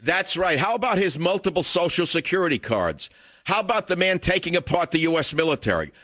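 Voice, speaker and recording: An older male radio host in full indignant rant. His voice sits slightly high and leaps all over the place as he hammers his points. The sound is dry and close on the studio mic. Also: very animated, brisk, a bit bright, no room sound. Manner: indignant, combative ranting. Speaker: radio talk show host. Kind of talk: talk radio monologue and call-in.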